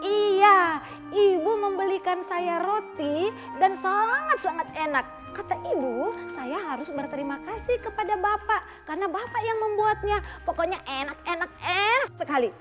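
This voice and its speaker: A woman's voice: expressive, moderate pace, music in the background. A woman voicing an eager little boy in a children's story, calling out and repeating himself. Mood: excited. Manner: eager, high, repeating calls.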